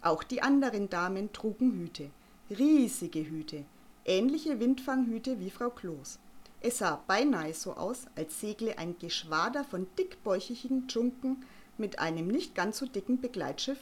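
A woman reading a children's story aloud, expressive and playful. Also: medium pitch, measured pace. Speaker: narrator.

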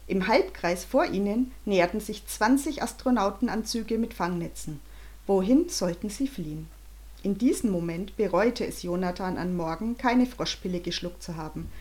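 A woman narrating a children's story aloud, with an animated, dramatic reading. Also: medium pitch. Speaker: audiobook reader.

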